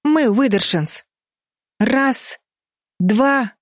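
A woman's voice: mid-range voice, moderate pace, a little mellow, dry recording, studio quality, voice pushed up, natural voice. A woman reading an audiobook, voicing a determined girl heroine who urges and rallies her sisters. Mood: urgent. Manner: urgent, commanding, rallying.

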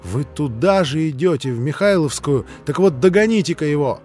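A man voicing an angry, taunting schoolboy in a red shirt in a storybook reading, with a shrill, jeering, excited delivery. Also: moderate pace, soft background music, close to an everyday voice.

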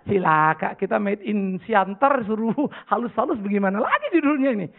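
Pastor guy, middle-aged, high gravelly voice, blunt jokey sermon, tinny phone-like sound. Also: sing-song, normal speed. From North Sumatra, Indonesia. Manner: blunt, joking storyteller, swings between loud outbursts and quiet confession. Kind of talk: sermon with audience Q&A. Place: church hall before a congregation.

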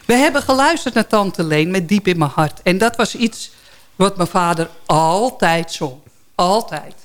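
A woman sits in a radio studio as a guest, spinning anecdotes in relaxed, chatty fashion. She stumbles and restarts often, her tone lively. Her voice sits at an ordinary middle pitch. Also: unhurried. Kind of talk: casual storytelling chat.

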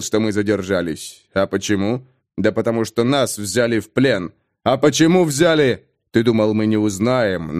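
A man voicing a calm young male warrior in an audiobook, measured and controlled, speaking in a formal, steady way. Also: mid-range voice, no echo, clean studio sound, natural voice. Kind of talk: audiobook character voice.

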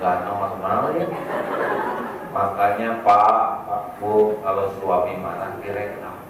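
A man's voice: fairly low pitch, flat delivery, slow pace. A male preacher, giving a humorous sermon and teasing the audience with questions. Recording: echoey hall, distant mic, faint noise.

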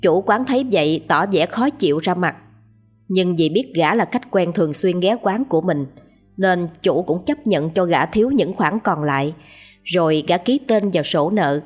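A woman narrating a written story in a calm, even manner. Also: on the low side.

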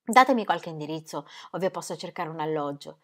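A woman's voice: low voice, lively intonation, fairly quick, fairly bright tone. A woman reading as a languid, flirtatious painter. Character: weary, flirtatious man, a painter, languid and charming.

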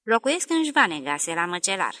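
A stiff young male schoolteacher in an audiobook, clipped and guarded, as a woman reader gives his lines. The voice sits low but moves with lively pitch. Its tone is bright and forward. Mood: curt. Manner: curt, guarded. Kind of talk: audiobook dialogue reading.

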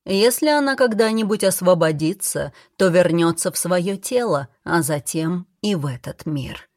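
Brief: a grave, commanding old father-king in a storybook, read by a woman in her lowish voice. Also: lively intonation, normal speed, a little mellow, no echo, clean studio sound, natural voice. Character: stern old king warning his son. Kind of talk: audiobook reading.

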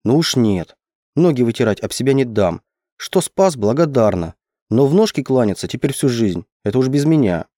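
Brief: defiant young peasant woman, voiced by a male reader, pitched up and indignant, dry audiobook sound. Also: lively intonation, moderate pace, mellow, no echo, natural voice. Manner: raised, higher indignant voice.

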